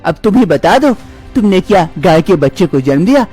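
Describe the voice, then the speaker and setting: Woman doing an excitable young husband. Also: fairly low pitch, normal speed, slightly rough, soft background music. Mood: demanding.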